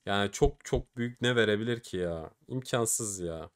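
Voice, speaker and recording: A man's voice: fairly low pitch, moderate pace. A young man commenting casually on opening game cases, often pleading and groaning at the results. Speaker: case-opening streamer.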